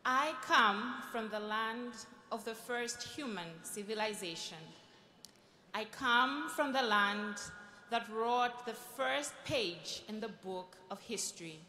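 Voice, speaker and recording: A young woman gives a formal prepared speech to a youth forum, speaking slowly and deliberately with pauses between phrases. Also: medium pitch, sharp tone. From Malawi. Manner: slow, deliberate oratory with pauses. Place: large conference hall. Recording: echoey hall with long reverb.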